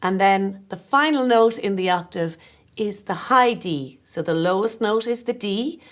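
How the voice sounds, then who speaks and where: A woman in her forties with a Kerry Irish accent, giving a gentle, encouraging, step-by-step tin whistle lesson. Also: medium pitch, a little slow, slight background noise. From Ireland (West Kerry).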